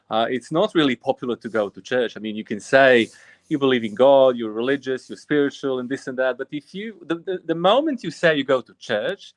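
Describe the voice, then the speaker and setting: Here a man around forty from Bosnia, an Orthodox priest, recounts his own story as a guest in an interview. He speaks earnestly and reflectively at medium pitch, often starting sentences over, with no echo in the recording.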